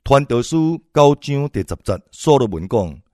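A man preaching a sermon, exhorting his listeners and swinging between loud and soft phrases. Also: medium pitch, very animated, normal speed, no room sound, clean studio sound.

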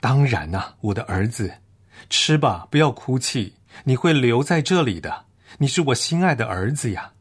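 A man voicing a loving, gentle father in a parable, speaking tenderly. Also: medium pitch, lively intonation, normal speed, slightly rough. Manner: tender, soothing.

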